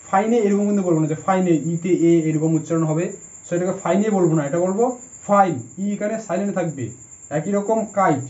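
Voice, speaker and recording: A man with a high, warm voice teaches spelling rules patiently and spells each word out letter by letter. The recording sounds dull and roomy, with an echo behind him. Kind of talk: explaining a lesson step by step. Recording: dull, echoey room.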